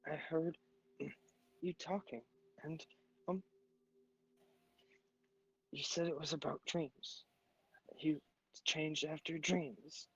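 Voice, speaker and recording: A man voicing a frightened, confused young girl in a gravelly put-on voice, halting and repeating himself. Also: fairly high pitch, fairly even intonation, a bit bright, full character voice, low-quality recording. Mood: fearful. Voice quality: attempted gravelly voice.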